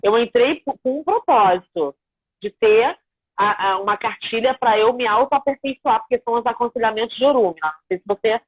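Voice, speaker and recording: A woman's voice: fairly high pitch, fairly quick, husky, no room sound. Brazilian woman over a tinny line. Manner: earnest, conversational, quoting family. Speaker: host, spiritual house leader. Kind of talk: live-stream conversation.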